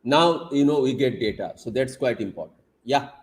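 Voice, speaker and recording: A man's voice: mid-range voice, moderate pace, poor audio. A man from Odisha with an Indian English accent, whose first language is Odia, giving an emphatic online lecture with many fillers and repetitions. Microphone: video call.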